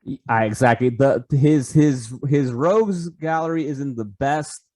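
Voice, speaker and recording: A man's voice: mid-range voice, a little slow, a little mellow, dry recording. Rambling man with many restarts, dry sound. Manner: rambling, stumbling restarts and filler, heavy swearing. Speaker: podcast co-host. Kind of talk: casual chat over a video call. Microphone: video call.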